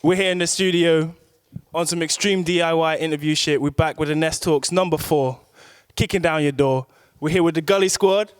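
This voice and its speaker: A man hosting a casual DIY studio interview, loud, slangy and joking. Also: on the high side, normal speed, smooth, no echo. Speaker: host. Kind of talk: casual hip-hop interview chat.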